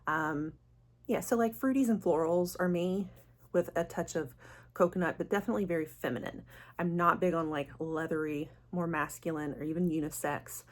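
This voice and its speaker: Female product-review host, lowish register, chatty and enthusiastic, informal delivery. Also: moderate pace. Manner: gushing, enthusiastic. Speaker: fragrance vlogger, channel host.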